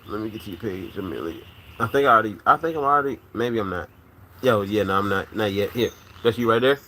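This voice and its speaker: Profane livestream host with a swollen tooth. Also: male voice, lowish voice, pushed and bright. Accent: Virginia. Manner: loose, profane, talks to chat by name. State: swollen wisdom tooth, mouth not fully closing. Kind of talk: casual live chat.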